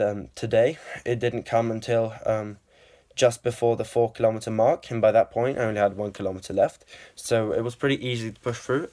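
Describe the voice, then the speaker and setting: Winded man with a low voice. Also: a little mellow. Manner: rambling, many ums and uhs. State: out of breath. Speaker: vlogger. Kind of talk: casual running vlog.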